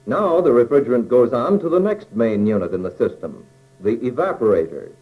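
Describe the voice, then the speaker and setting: An American man with a mellow, relaxed, middle-pitched voice narrates an instructional film. He explains things step by step in plain, measured phrases, his intonation rising and falling in a lively way. The recording quality is low.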